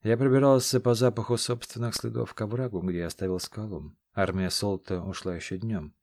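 A man reading scripted first-person fantasy narration in a steady, measured storytelling manner. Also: fairly low pitch. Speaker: audiobook narrator.

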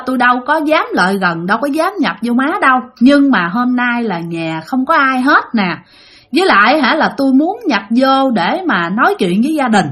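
Animated Southern Vietnamese woman storyteller. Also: fairly high pitch. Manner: animated, conversational, many fillers. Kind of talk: telling a ghost story to listeners.

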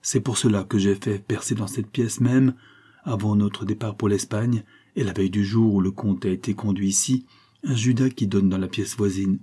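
A man with a low, husky voice playing a grave, calm doctor who speaks in a measured, soothing way.

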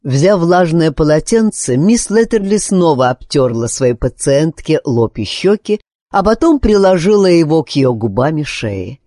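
A man reading a novel aloud in an expressive, measured narration. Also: on the high side, no echo, clean studio sound. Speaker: audiobook narrator. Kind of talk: scripted narration.

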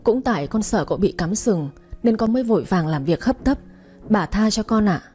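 A woman's voice: medium pitch, animated, normal speed, dark tone, slightly rough, soft background music. A woman voicing a scheming young maidservant who begs tearfully in an audio story. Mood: begging. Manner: pleading, tearful. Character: scheming young female servant, pleading.

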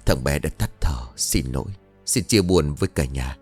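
A man voicing a solemn older village healer who speaks gravely and quietly. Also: very deep voice, animated, normal speed, faint music behind, pitched below the performer's own voice, exaggerated voice. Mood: somber. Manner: grave, subdued.

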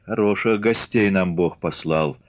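A man voicing an anxious, grim old Cossack woman in an audiobook, speaking in a low, muffled, worried tone. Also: measured pace. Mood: bitter. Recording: dull lo-fi audiobook recording.

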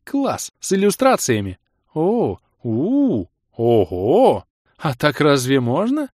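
A man voicing an excitable young woman thief who squeals and complains in an audiobook. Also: high-pitched, fairly quick, dry recording, studio quality, voice pushed up. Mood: delighted. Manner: squealing, indignant.

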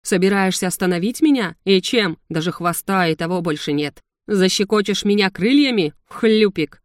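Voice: mid-range voice, normal speed, no room sound, studio quality, lightly acted. A reader voicing a furious lizard gargoyle king, a domineering father who roars and snarls sarcastically. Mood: raging.

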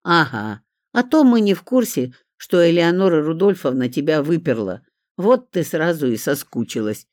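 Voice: mid-range voice, sing-song, moderate pace, hardly any pauses, darkish tone, dry recording, clean studio sound. A reader voicing a brash, mocking neighbour woman who cackles and needles in a storybook.

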